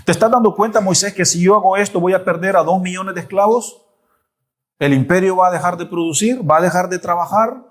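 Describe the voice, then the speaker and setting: A man's voice: high voice, a little fast. A man voicing a proud, mocking Egyptian king in a retold Bible story. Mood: scornful. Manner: scornful, mocking laughter.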